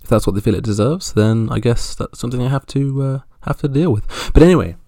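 A man with a gravelly voice hosting a casual sports roundup podcast solo, speaking in a halting, wry way. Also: mid-range voice, dark tone, no room sound, clean studio sound. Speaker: podcast host.

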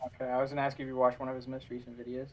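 Animated young man in a casual chat. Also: mid-range voice, rapid-fire. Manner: animated, jokey, trips over words. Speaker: podcast co-host.

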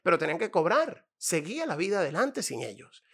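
A Venezuelan man giving comedic advice in an animated storytelling monologue, full of playful asides. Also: sits high, a little fast, breathy edge.

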